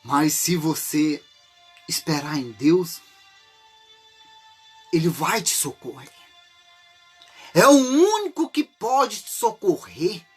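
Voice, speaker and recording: Over soft background music, a Brazilian man with a Brazilian Portuguese accent preaches an informal sermon in a sing-song, slightly rough voice that sits on the high side. He goes slowly, pausing often, chatting through many rhetorical and tag questions and at times acting out desperate cries for help.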